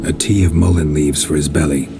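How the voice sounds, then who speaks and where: A very deep-voiced, gravelly man as a stoic monster hunter in a video game. He is blunt and deadpan, weary but firm, with clear music behind him. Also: brisk. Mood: dry, firm. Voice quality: gravelly, low. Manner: deadpan, terse.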